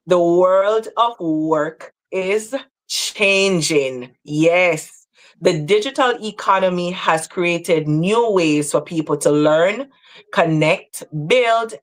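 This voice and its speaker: A woman from Jamaica hosting a livestream talk, speaking in an earnest, measured way. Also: lowish voice. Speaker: host.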